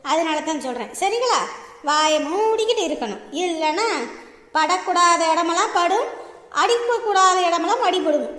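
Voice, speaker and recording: கேலியாக மிரட்டும் உயர்ந்த குரல் பெண். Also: female voice, very high-pitched, lively intonation, moderate pace, fairly bright tone. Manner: mocking, threatening jokes. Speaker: plays a doctor in a skit. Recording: echoey room with long reverb and faint music.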